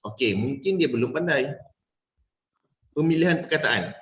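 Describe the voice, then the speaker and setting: A man with a Malaysian accent runs a sales leadership workshop, mixing Malay and English and checking in with the class after almost every point. He plays out little dialogues as examples. His fairly high voice rings around a reverberant room on a dull, lo-fi recording. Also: lively intonation, normal speed. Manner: playful, acts out little dialogues. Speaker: business sales coach. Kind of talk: workshop lecture to a live class. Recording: echoey room, dull lo-fi sound.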